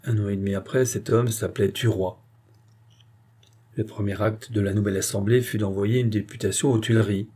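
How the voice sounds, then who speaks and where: Dude reading a classic novel out loud, dark mellow voice, kinda husky. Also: male voice, fairly low pitch, steady tone, brisk. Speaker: audiobook narrator. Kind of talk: literary audiobook narration.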